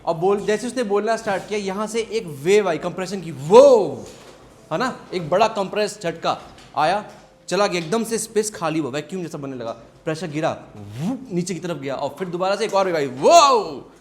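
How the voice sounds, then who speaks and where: An animated male science teacher runs a hands-on classroom demonstration. He talks in a fairly high voice, directs his students and fires quick questions at them. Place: school classroom.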